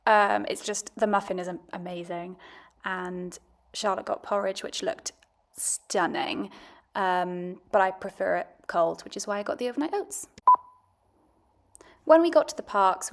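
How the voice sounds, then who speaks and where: A woman giving a casual, chatty, understated voice-over review as a food and travel vlogger. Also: mid-range voice.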